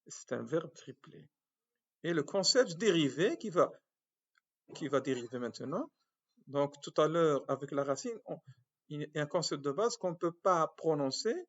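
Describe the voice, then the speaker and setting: A man from Morocco, a medical school professor, giving a slow recorded lecture with many restarts and fillers, spelling out syllables one by one. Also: fairly high pitch, highs cut off.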